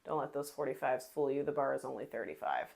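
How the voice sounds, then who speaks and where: A woman's voice: extremely low pitch, very animated, fast talker, creaky, darkish tone. A young woman chatting playfully and rambling through a casual kitchen vlog. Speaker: vlogger.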